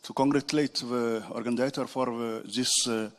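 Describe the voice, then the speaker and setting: Halting man from Mali. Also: medium pitch, steady tone. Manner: slow, halting, many fillers. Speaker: audience member. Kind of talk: question from the floor. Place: conference hall.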